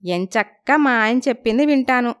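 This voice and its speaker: A woman's voice: fairly high pitch, lively intonation, normal speed, smooth. A woman voicing a cheeky, playful young bride-to-be who talks back to an old neighbor. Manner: cheeky, sharp-tongued, playful. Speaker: voices young heroine.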